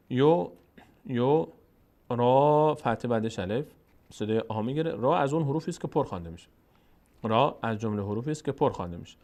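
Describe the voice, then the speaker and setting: A man teaching Quran reading step by step, explaining rules and slowly drawing out syllables to model them. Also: medium pitch.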